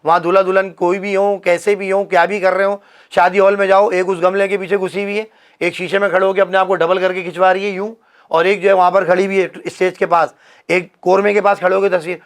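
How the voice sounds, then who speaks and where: A high-voiced man rants his opinions in a casual comedic chat. He keeps acting out the people he quotes as he goes. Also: level tone, fast talker. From Pakistan. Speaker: podcast host.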